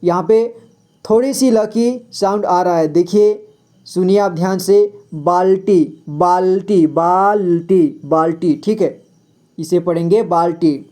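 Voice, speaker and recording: A man giving a slow reading lesson, patiently spelling out words and repeating each one several times for learners. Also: high-pitched, warm tone. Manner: asks and answers his own questions. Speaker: Hindi reading teacher.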